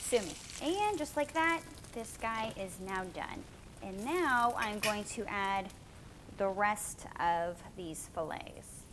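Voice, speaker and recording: The fishing and cooking vlog host speaks in an expressive mid-range voice, taking her time, with noise in the background. Casual with her viewers, she walks through food and fish, sprinkling in playful, informal exclamations.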